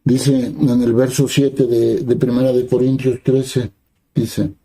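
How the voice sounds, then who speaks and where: A man preaching a sermon in a very dark, mellow voice at a medium pitch. He reads verses aloud and then explains them in everyday words. He keeps asking his listeners short questions as he goes. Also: little pitch movement, slow, slightly rough, poor audio. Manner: asks the listeners brief rhetorical questions.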